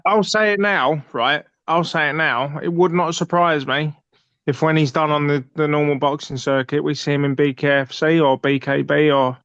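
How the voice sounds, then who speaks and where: A man's voice: a little high, steady tone, normal speed, a bit bright, clear, resonant tone, no room sound. Blunt man on a dull lo-fi mic. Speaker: guest boxing commentator. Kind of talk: casual panel chat.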